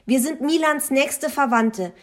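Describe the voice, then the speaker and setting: A woman's voice: sits high, measured pace, voice pushed up. A woman voicing a haughty older grandmother who scolds indignantly in an audiobook.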